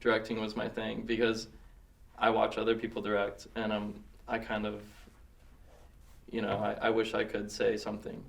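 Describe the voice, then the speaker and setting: A man with a low, gravelly voice, chatting as a guest on a studio podcast. He talks in a loose, hesitant way, full of ums and likes. He sits a little back from the mic. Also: moderate pace, recorded from a distance. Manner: relaxed, hesitant with many fillers, laughs often. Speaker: guest, cinematographer and director. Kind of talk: casual podcast chat.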